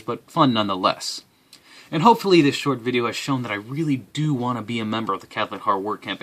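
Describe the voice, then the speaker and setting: Give me a young man with a dry, deadpan way of talking, applying to camp in a casual video. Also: mid-range voice. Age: young adult. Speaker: applicant. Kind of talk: casual talk to camera.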